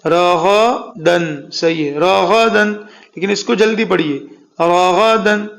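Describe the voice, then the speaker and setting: High-voiced patient Quran reading teacher. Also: male voice, vocal fry, fairly bright tone. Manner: patient, drawing out syllables slowly, urging learners to repeat aloud; encouraging praise for learners. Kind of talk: Quran reading lesson drilling letter sounds.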